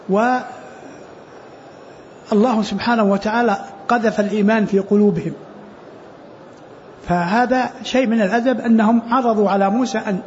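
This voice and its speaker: Man, high voice, halting teacher of scripture, muffled lo-fi recording with light hiss. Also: darkish tone. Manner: halting, repeats words when restarting. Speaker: sheikh commenting on Quran exegesis. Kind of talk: religious lesson commentary.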